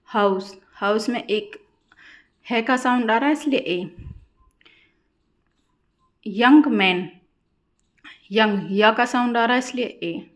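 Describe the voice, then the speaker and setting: A woman teaching an English grammar lesson for exam students, asking questions and answering them herself, repeating key words slowly. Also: a little high. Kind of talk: classroom-style lesson explaining grammar.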